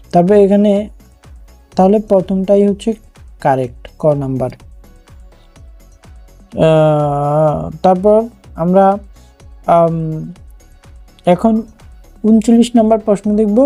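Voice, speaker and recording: A woman's voice: medium pitch, mellow. A woman teaching an online exam-prep lesson, explaining step by step with repeated points and fillers.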